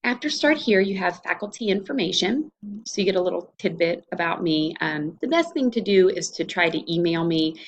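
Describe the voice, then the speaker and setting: Animated and fairly quick, a low-pitched woman's voice comes through a muffled recording with a bit of hiss or hum. She teaches college and has an Ohio Valley American accent, talking students through her online course in a casual, explanatory screencast.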